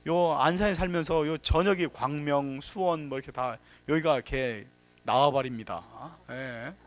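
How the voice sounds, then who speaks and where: A man's voice: a little high, unhurried, dry recording, faint music behind. A man giving a workshop lecture on safety, telling anecdotes, acting out quotes and giving emphatic warnings. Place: workshop hall.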